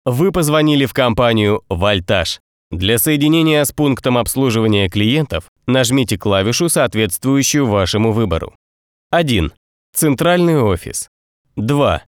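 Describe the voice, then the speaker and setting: A man reading recorded phone menu prompts in a slow, formal, measured way. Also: medium pitch, animated, smooth, no room sound, clean studio sound.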